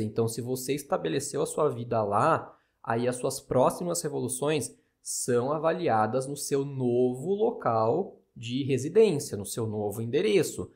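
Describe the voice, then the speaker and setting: An astrologer with a Brazilian Portuguese accent hosts a podcast, his voice on the high side and creaky. In a casual explanatory monologue, he comes across as chatty and skeptical, leaning on frequent tag questions.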